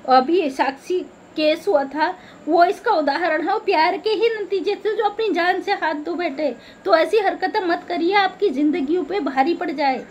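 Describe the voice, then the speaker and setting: A woman's voice: very high voice, normal speed, a little hiss or hum. A middle-aged woman vlogger making an earnest, preachy appeal straight to her viewers, pleading and scolding by turns. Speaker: social media vlogger. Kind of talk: earnest direct-to-camera appeal.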